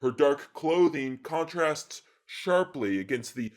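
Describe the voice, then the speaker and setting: A man's voice: on the high side, expressive, slow. A man giving a comedic art lecture in an earnest, slightly fussy lecturing manner.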